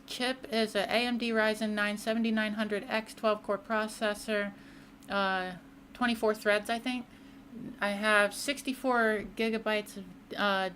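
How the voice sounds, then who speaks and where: A woman's voice: on the high side, fairly bright tone, a little hiss or hum. Chatty woman streaming a racing sim. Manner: chatty, reads and answers chat mid-race. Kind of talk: casual live-stream chat while racing.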